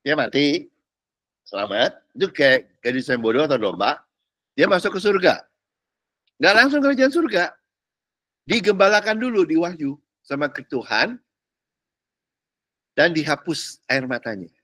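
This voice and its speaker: Male pastor, touches, casual teaching, animated pitch, dry close sound. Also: normal speed, pauses often, no echo. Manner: chatty, slangy, asks listeners if they follow.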